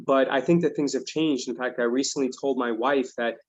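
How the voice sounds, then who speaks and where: A man's voice: medium pitch, fairly even intonation, brisk. A middle-aged man hosting an investing channel, talking in an earnest, reflective way with many fillers. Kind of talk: casual interview chat. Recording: dull lo-fi audio.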